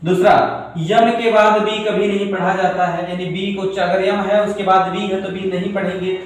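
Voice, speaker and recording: A man teaching English grammar in a classroom lesson, slowly repeating phrases word by word and mixing English into his explanations. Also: sits high, little pitch movement. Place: classroom with a board. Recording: echoey room, mic far off, faint noise.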